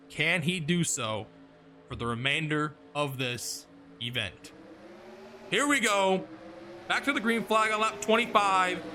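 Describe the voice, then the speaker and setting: A man calling a sim racing event as play-by-play commentator, excitable and exclaiming, sometimes breathless. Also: very high voice. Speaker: race commentator.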